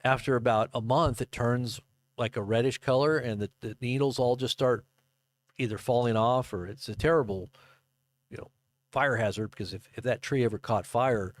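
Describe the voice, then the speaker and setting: A man in his fifties giving casual live commentary and reading news reports aloud, halting and rambling as he goes. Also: medium pitch. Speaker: livestream commentator. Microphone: close desk microphone.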